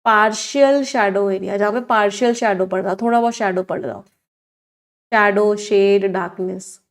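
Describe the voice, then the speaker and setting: A woman's voice: medium pitch, steady tone, normal speed. Woman teacher, exam-prep vocab lesson, mixes Hindi and English, quizzes the class. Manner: explains words in Hindi mixed with English, asks the class questions.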